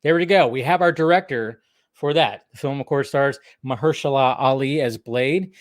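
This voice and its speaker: A man of medium pitch, speaking at a normal speed, hosts a loose, rambling pop-culture livestream and frequently repeats phrases to his viewers. The audio is dry and studio quality.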